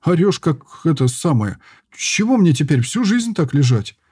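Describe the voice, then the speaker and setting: A man voicing a boy who is getting over an illness, curious and quick to snap back, in a raised, husky voice. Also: a little high, very animated, a little mellow, no room sound, studio quality, pitched above the performer's own voice, heavily acted. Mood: snappy.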